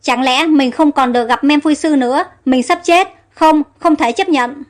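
A woman's voice: high voice, moderate pace, close to an everyday voice. A woman reading the lines of a frightened young heroine in an audio story. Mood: panicked.

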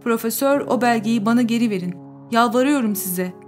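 A woman's voice: a little high, a little fast, soft background music, close to an everyday voice. A woman reading the part of a desperate male doctor who pleads in a trembling voice in an audiobook. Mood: pleading.

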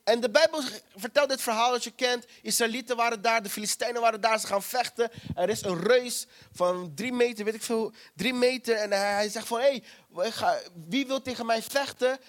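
A man preaching a sermon in a fairly high voice. He drives his points home by repeating key phrases, and he acts out the voices of scripture figures as he retells their stories. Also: moderate pace, a bit bright.

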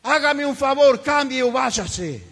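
Fiery high-voiced preacher, hall echo. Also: male voice, lively intonation, measured pace, fairly bright tone, slightly rough. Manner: fiery, emphatic preaching with mocking quoted voices. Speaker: pastor. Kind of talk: sermon. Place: church hall. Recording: reverberant church hall.

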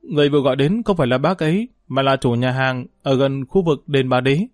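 A man's voice: mid-range voice, brisk, dry recording, clean studio sound, soft background music, close to an everyday voice. A man voicing a worried young man who stammers anxiously, in a storybook reading.

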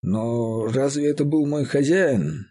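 A man voicing an earnest, steady estate steward who pleads in a raised voice. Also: mid-range voice, takes it slowly. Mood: insistent. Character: steady middle-aged male estate steward, shocked and earnest.

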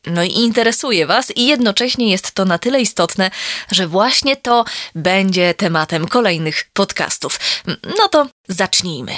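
Woman, podcast host and voice coach, easy conversational delivery with fillers, mid pitch, dry close mic. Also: a bit bright, no room sound. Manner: conversational, frequent filler hesitations. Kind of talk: solo podcast talk. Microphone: studio microphone.

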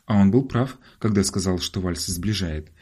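A man's voice: sits low, moderate pace, mellow, breathy edge. A man voicing a witty, sardonic young man with a dry, mocking manner in an audiobook.

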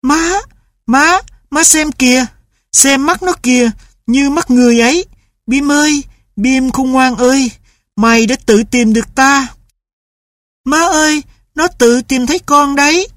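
A high, bright young boy, eager and close to tears, as a woman narrator puts him on. He pleads with his parents in a light, lively voice, recorded dry and close. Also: unhurried, pauses often, dry recording. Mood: pleading.

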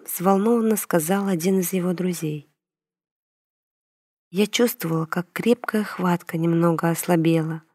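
A woman's voice: fairly low pitch, dry recording, clean studio sound. Woman narrating an emotional audiobook. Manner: expressive, emotional reading. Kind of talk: first-person audiobook narration.

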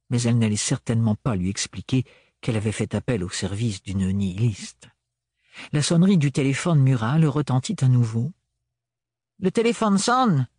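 Man, audiobook narrator, husky, measured, dry recording. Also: mid-range voice, dark tone, no room sound. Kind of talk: audiobook reading.

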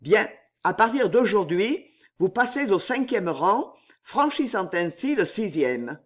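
Audiobook figure: a calm, commanding older Jesuit chief, slow and weighty, read by a man. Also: high-pitched, exaggerated voice. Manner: calm, authoritative.

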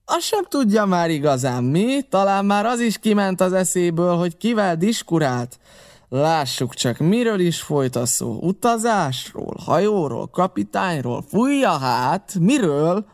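A man voicing a blustering one-legged male pirate cook, speaking loudly and theatrically, often drawing his words out slowly. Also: medium pitch, smooth, close to an everyday voice. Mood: interrogating. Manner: loud, theatrical, drawn-out and slow.

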